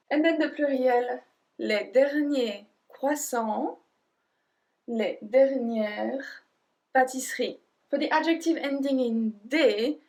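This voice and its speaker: A woman with a French accent teaching a beginner grammar lesson, spelling out letters and repeating each example slowly and carefully. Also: on the high side, darkish tone.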